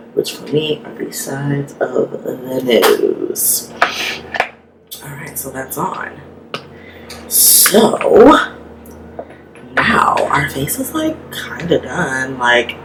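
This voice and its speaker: A woman's voice: a bass voice, takes it slowly, vocal fry. A woman beauty vlogger talking through a makeup tutorial in a chatty, casual way, with lots of "like" fillers. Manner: chatty, filler-heavy, says "like" often. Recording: steady background hiss.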